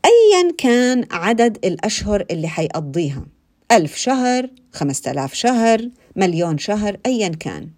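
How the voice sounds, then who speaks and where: A woman giving an informal religious talk, conversational and animated, repeating phrases and asking her listeners questions. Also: medium pitch, a little fast. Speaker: religious speaker.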